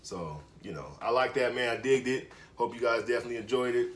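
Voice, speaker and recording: A man in his thirties co-hosts a reaction video from his bedroom, laid-back and rambling with lots of fillers. His mid-range voice is fast and a little bright. The mic is far off in an echoey room.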